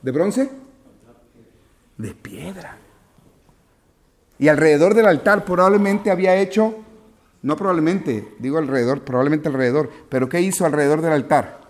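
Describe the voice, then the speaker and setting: A man's voice: on the high side, a little fast. A man teaching a Bible class to children, asking patient questions and calling on pupils by name. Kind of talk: interactive Bible lesson with children.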